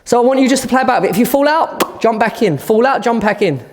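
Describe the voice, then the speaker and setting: A man's voice: very high-pitched, lively intonation, quick pace, big-room sound. A man guiding a fitness class through handstand conditioning, cueing moves while demonstrating and sometimes out of breath. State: out of breath at times. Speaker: fitness instructor.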